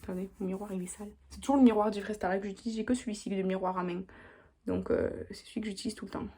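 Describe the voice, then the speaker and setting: A woman's voice: medium pitch, fairly even intonation, racing, dark tone, breathy edge. A young woman, chatting casually through a makeup tutorial as she works. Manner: chatty, talks while working, lots of little "hop"s. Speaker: beauty vlogger.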